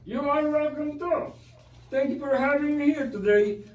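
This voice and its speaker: Playing a courteous, upbeat monkey puppet, a man answers interview questions on a scripted puppet show as a guest who works at a day program. He reads carefully and sincerely in a high, darkish voice at moderate pace, lightly acted, recorded far from the mic in an echoey room.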